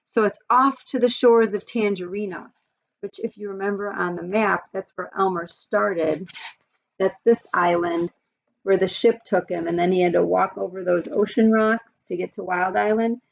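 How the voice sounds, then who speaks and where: A woman's voice: mid-range voice, steady tone, moderate pace, creaky. A woman teacher reading a picture book aloud to students in a friendly, explaining way, with some fillers. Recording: dull lo-fi recording.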